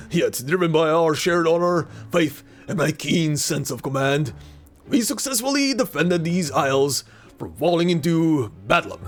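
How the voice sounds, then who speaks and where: Someone voicing a gruff, pompous old ghost of a sailor, like an old fisherman, in a video game read-aloud. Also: medium pitch. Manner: pompous, blustering old-seafarer talk.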